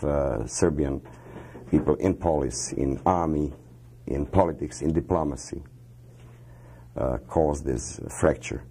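A man in his fifties with a Croatian accent, answering questions as a guest in a television studio interview, speaking in a measured, halting way with many pauses and fillers. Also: a bass voice, dark tone, breathy edge.

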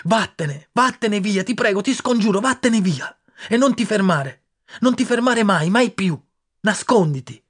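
A man reading an audiobook aloud and voicing a frightened young boy who urgently pleads with his friend, in a husky, raised voice. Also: fairly high pitch, lively intonation, normal speed, voice pushed up. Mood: pleading.

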